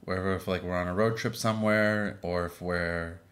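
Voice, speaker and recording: A man from Boston in his thirties, co-hosting a casual podcast with his wife, relaxed and full of fillers. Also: deep voice, a little fast. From Boston, Massachusetts. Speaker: podcast co-host. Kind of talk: casual chat.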